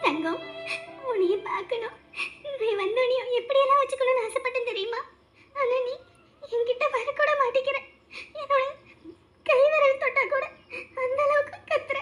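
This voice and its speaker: A woman voicing a cheeky, sharp-tongued old village grandmother who teases in singsong rhymes and mutters to herself, speaking with a squeaky, shrill voice. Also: normal speed, pauses often, faint music behind. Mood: mournful.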